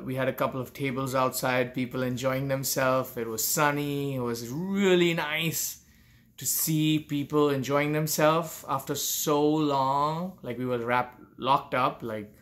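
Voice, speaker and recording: Speaking straight into a nearby camera from a room at home, a man in his forties gives earnest business advice packed with rhetorical questions. His voice is mid-range and fairly bright.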